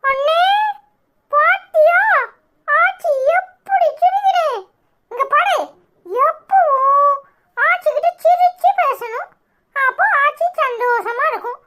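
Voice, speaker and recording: Casting: someone playing a cheeky cartoon grandson, Tirunelveli accent, very high, unhurried. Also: sharp tone, heavily acted. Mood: teasing. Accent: Tirunelveli Tamil. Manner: teasing, mischievous. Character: cheeky young grandson, playful and teasing. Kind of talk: cartoon voice acting.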